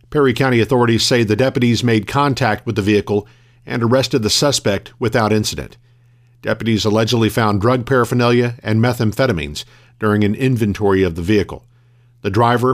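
Male local news anchor, mid-range voice, steady formal announcer read from a script. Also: mid-range voice.

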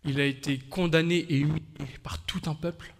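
A man delivers a sermon in short, earnest bursts, pausing between phrases. His voice sits a little high. A long hall reverb trails each phrase. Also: fairly even intonation. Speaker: preacher. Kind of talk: sermon with live interpretation.

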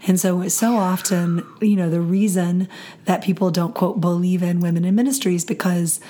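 Hoarse, raspy low-voiced woman podcaster. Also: fairly even intonation, moderate pace, dark tone, a little hiss or hum. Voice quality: raspy, husky from voice loss. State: hoarse, voice nearly gone. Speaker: pastor and podcast co-host. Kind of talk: casual podcast chat.

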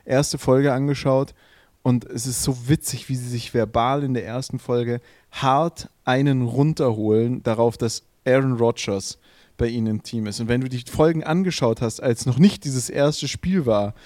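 A man co-hosting a relaxed podcast, joking and swearing freely as he tells his stories. His voice sits at an ordinary middle pitch. The recording is dry, with no room sound around him. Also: no echo. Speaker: podcast co-host. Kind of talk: casual podcast chat.

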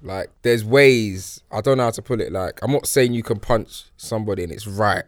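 A man's voice: lowish voice, moderate pace, dry recording. A young man with a London accent chatting casually, slangy and searching for his words. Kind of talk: casual chat among friends.

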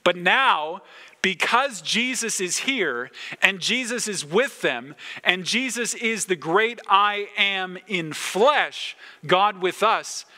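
A man delivers a sermon with earnest emphasis, slowing for dramatic pauses. His voice is somewhat high and bright with a forceful edge. A long reverb from a large church room trails each phrase. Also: lively intonation. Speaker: pastor.

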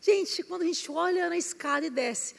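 A Brazilian woman preaching a lively sermon in a church hall, acting out little scenes and rising into shouted emphasis. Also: very high voice, normal speed, creaky. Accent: Brazilian Portuguese. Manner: animated, switching voices, rising into shouted emphasis. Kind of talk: lively sermon with acted-out anecdotes. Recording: reverberant hall.

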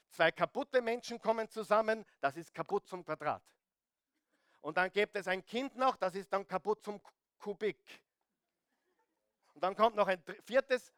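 Animated high-voiced male preacher. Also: no echo, clean studio sound. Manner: animated, addresses listeners directly with rhetorical questions; humorous asides. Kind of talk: sermon on marriage.

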